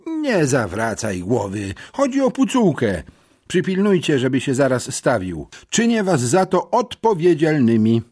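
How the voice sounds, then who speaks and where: A man's voice: medium pitch, wildly swooping pitch, measured pace, a little mellow, breathy edge, pitched above the performer's own voice, heavily acted. A man voicing a flustered middle-aged teacher in an audiobook, agitated and raising his voice. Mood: urgent. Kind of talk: audiobook character voice.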